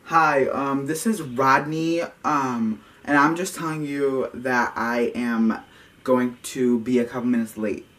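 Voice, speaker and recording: A teenage male making casual prank phone calls in a hesitant, halting way, recorded in a small room on a camera mic. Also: medium pitch, fairly even intonation, fairly bright tone, recorded from a distance. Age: teens. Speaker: prank caller, video host.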